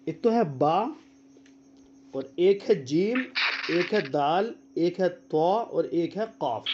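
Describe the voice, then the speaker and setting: A man teaching a tajweed lesson over a video call, quizzing his students, repeating their answers and spelling out letters slowly as a drill. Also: high voice, a little mellow, lo-fi sound. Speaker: Quran teacher.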